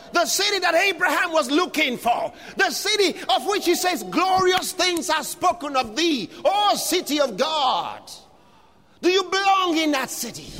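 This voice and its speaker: High-pitched preacher guy, slow and shouty, long echo like a big church hall. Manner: calls out to the congregation, shouts refrains. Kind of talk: fervent sermon with scripture reading.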